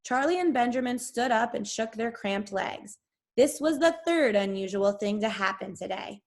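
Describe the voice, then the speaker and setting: A woman's voice: on the high side, lively intonation, moderate pace, darkish tone. A woman teacher reading a chapter book aloud to her class, then talking to her pupils.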